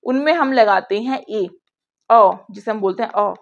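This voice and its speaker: A woman's voice: medium pitch, unhurried, vocal fry. A young woman teaching an online grammar class, chatty, asking her pupils questions and answering them herself. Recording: dull lo-fi sound.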